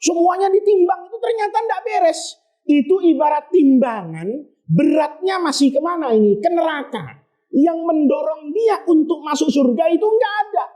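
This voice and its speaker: A male preacher telling a sermon story, animated, asking questions and answering them himself, sometimes bursting into shouts. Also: very high-pitched, normal speed.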